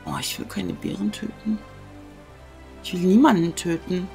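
Plaudernde Let's-Play-Spielerin mit deutschem Akzent. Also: female voice, fairly low pitch, lively intonation, moderate pace, vocal fry, dark tone. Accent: German. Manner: chatty, often drops into whispers. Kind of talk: casual gameplay commentary. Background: game music.

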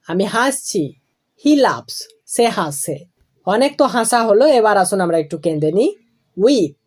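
A woman teaching English grammar, going slowly and deliberately through each verb form and letting phrases fall low at the ends. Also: darkish tone. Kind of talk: classroom explanation of verb forms.

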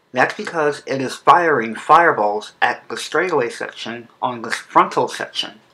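A man's voice: mid-range voice, sharp tone, poor audio. A man with a lisp from an underbite, narrating a scripted explainer as a video creator. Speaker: video creator presenting a fan game track design.

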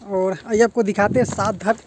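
Outdoors by a waterfall, an Indian vlogger narrates a travel video, chatting as he shows viewers around. His voice is high and steady, with rushing water and outdoor noise in the background.

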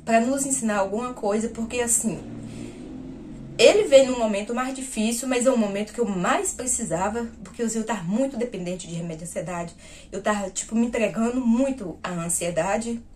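A woman vlogger with a fairly high, slightly mellow voice shares personal news at a brisk pace, with slight background noise in the recording. Her style is casual storytelling, addressing viewers as "gente" and acting out the exchanges she retells.

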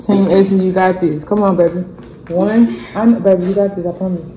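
A woman's voice: mid-range voice, fairly even intonation, brisk, roomy sound, noisy background. A woman on a casual couple's challenge video, counting down and cheering her partner on over and over. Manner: coaxing, counting down, repeats encouragement. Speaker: vlogger encouraging her partner.

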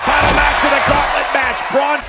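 A man doing live play-by-play as a wrestling commentator, shouting excited calls in short bursts. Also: very high-pitched, normal speed, over loud music. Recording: loud arena crowd, very noisy broadcast.

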